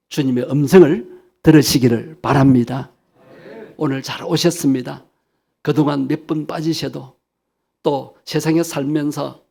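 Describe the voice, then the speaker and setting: Gravelly-voiced pastor preaching earnestly. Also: male voice, a little high, mellow. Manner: earnest preaching, voices Jesus's questions with rising emphasis. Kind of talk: sermon.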